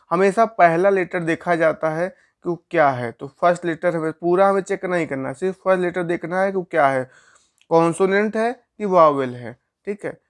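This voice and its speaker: A man teaching a grammar lesson, explaining step by step and asking questions he answers himself. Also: on the high side.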